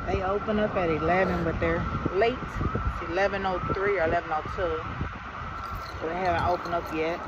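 A woman's voice: on the low side, fairly even intonation, normal speed. Middle-aged midwestern woman rambling to her phone in the car, muffled, a bit far off. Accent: Midwestern American. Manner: chatty and rambling, talking to viewers. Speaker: vlogger. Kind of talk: casual vlog chat. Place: inside a parked car. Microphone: phone held at arm's length. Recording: muffled phone audio with light car noise.

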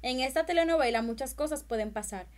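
A woman's voice: sits high, fast. Chatty woman recapping a soap. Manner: chatty, speaks directly to the viewer, small verbal stumbles. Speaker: telenovela recap channel host. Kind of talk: spoken telenovela recap.

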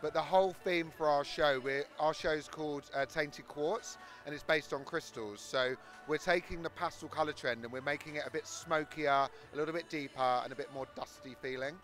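Speaking at a normal speed with hardly any pauses, this man has a slightly high, steady, somewhat bright voice. He is a South London hairdresser in his thirties, demonstrating his technique and describing his job in an interview recorded on a handheld mic backstage in a large exhibition hall.

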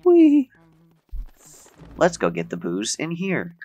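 A young man playing a video game, chatting playfully and muttering low asides. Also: lively intonation, moderate pace, a bit bright, faint music behind. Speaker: let's play host. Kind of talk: casual gameplay chat.

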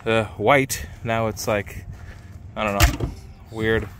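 A man in his thirties vlogging casually while walking through an outdoor car lot, excited and chatty, filmed on a handheld camera at arm's length. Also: on the low side, takes it slowly, background noise. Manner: excited, chatty, laughs often. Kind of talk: casual vlog walkthrough. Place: outdoor impound parking lot.

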